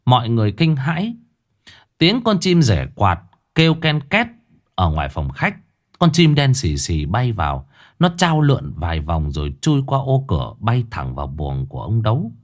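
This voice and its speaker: Male narrator with lively, swooping voice. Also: mid-range voice, normal speed. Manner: expressive, swooping delivery. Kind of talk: dramatic horror story narration.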